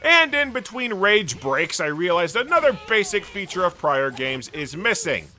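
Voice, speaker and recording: A man's voice: high-pitched, sing-song, normal speed. A man narrating a scripted video game review, sarcastic and ranting, with frequent swearing. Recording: voice-over with faint music.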